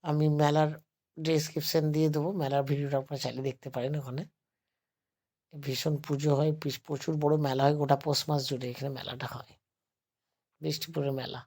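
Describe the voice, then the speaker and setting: Male vlogger, sore throat, soft and unhurried, flat even delivery, phone-recorded. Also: on the high side, slightly rough. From West Bengal, India. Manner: speaks slowly and softly, addressing viewers as friends. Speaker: travel vlogger. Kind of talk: casual vlog narration. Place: temple grounds. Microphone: phone held while filming.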